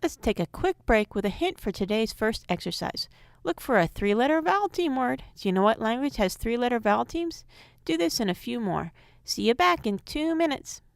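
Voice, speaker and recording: Measured woman narrating a phonics lesson. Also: on the high side, sing-song, no echo, studio quality. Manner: clear, measured instructional delivery. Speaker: phonics teacher.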